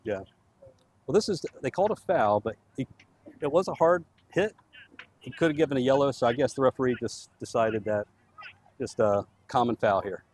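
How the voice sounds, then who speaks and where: A man's voice: medium pitch, expressive, moderate pace, a little mellow. A man giving casual, chatty live commentary on a soccer match for the home club. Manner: chatty, easygoing, laughs easily.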